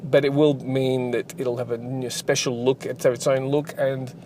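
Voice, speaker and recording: A man's voice: mid-range voice, little pitch movement, normal speed, a little mellow. A man who develops games, chatting casually and rambling while driving, with lots of fillers and restarts. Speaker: game developer and channel host. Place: inside a car while driving. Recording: road noise inside a moving car.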